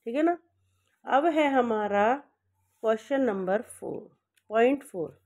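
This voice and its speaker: A woman with a fairly high voice teaches a maths lesson one step at a time. She keeps checking in with her students and corrects her own slips as she goes. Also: animated, measured pace, darkish tone.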